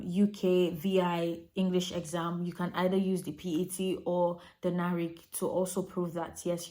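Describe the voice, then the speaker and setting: A young Nigerian nurse speaks straight to camera in an advice vlog, offering chatty, practical tips on migration and calling her viewers "you guys." Her voice sits lowish and is slightly mellow.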